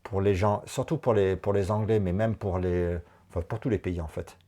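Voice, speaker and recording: A man coaching a woman through a personal session, animated and encouraging, talking in quick bursts. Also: low voice. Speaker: enneagram coach.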